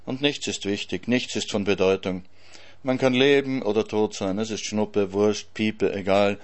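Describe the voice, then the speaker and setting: Brief: male reader of literary prose, low-pitched voice, measured and sober, dry irony. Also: fairly even intonation. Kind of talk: literary reading.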